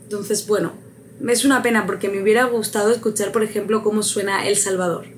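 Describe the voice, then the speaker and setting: A woman's voice: mid-range voice, steady tone, fairly quick, slight background noise. A woman vlogger thinking aloud as she takes a quiz, hesitant and musing, laughing at her own luck.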